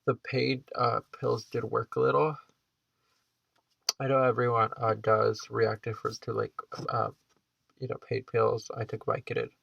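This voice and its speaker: Young guy vlogging, super gravelly vocal fry, stuffed up nose, kinda rambly, muffled cheap audio. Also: medium pitch, little pitch movement, measured pace, dry recording. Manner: hesitant and rambling, heavy use of "like". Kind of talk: casual personal vlog, rambling storytelling.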